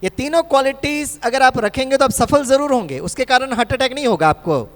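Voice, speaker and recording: A man's voice: very high-pitched, expressive, brisk, fairly bright tone. A middle-aged man from India giving a seminar talk on heart health and meditation, telling stories and acting out dialogues, repeating key phrases. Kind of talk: live seminar talk mixing Hindi and English. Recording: long hall reverb.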